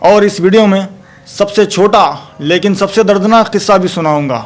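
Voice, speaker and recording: An Islamic preacher, his voice rather high for a man, delivers an emphatic religious talk on a recorded video. Slow, measured recitations of Arabic verses mix with frequent exclamations of praise.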